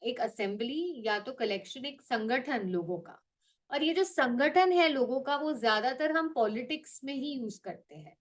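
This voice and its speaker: A woman with an Indian accent, teaching English vocabulary to her channel's viewers in an animated way, switching between Hindi and English. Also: high-pitched. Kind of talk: explaining vocabulary to the camera.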